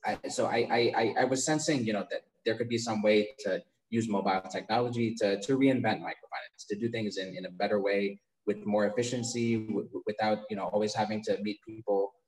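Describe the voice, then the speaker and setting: On a low-quality remote call from abroad, a young US founder chats casually as a podcast guest about his company. His lowish, darkish voice is steady and fairly quick, and he keeps repeating words and starting sentences over as he works out his thoughts.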